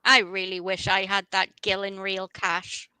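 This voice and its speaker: A woman's voice: medium pitch, completely flat delivery, measured pace, bright, forceful tone, clear, resonant tone, dry recording, rough recording. A woman hosting a casual livestream, chatty and rambling, often restarting her sentences. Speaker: livestream host.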